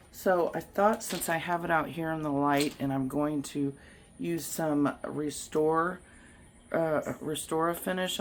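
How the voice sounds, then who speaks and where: This vlogger's voice is medium in pitch and gravelly, worn down by illness. Outdoors beside a home, they casually present an old find and think aloud about it. There's a little hiss or hum in the recording.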